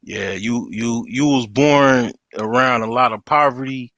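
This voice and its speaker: A man in a casual streamed chat who talks haltingly and repeats words while he looks for them. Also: mid-range voice, fairly bright tone, dry recording. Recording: dull lo-fi stream audio.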